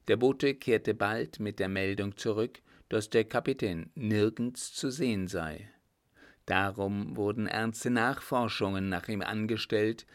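An audiobook reader narrates a scripted story aloud in a measured, even storytelling style, his voice on the low side.

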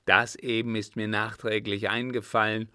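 A man doing a loud, scheming captain. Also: fairly low pitch, level tone, moderate pace, no echo, studio quality. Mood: urgent. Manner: forceful, urgent and conspiratorial.

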